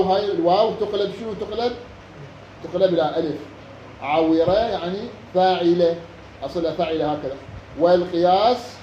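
Iraqi guy teaching a class, reads a line slow then quizzes his students, fairly high voice, echoey room with a little hiss. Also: a little mellow, lo-fi sound. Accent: Iraqi Arabic. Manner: reads a passage slowly, then explains it with quizzing questions. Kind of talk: classroom lesson explaining a grammar text. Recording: echoey room with faint background noise.

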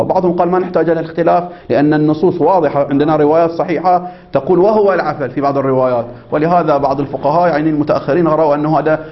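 Fast-talking man teaching a class. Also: on the high side. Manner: quizzes listeners with prompting questions, checks understanding. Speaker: religious law teacher. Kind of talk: seminary lecture, reading and explaining a text. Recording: dull lo-fi recording.

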